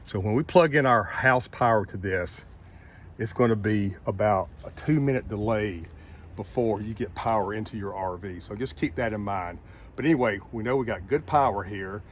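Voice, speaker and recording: A man's voice: lowish voice, moderate pace. A middle-aged man giving a casual step-by-step demonstration as an RV vlog host. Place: outdoors at a campsite and in an RV doorway. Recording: clear outdoor and vehicle noise.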